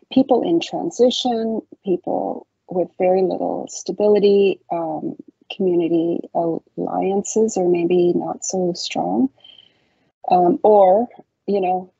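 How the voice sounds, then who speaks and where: A woman artist and researcher presenting her work and then discussing it on a video call, speaking in a measured, deliberate way. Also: on the low side, vocal fry, warm tone, slightly rough, no room sound. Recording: dull, dry video call audio.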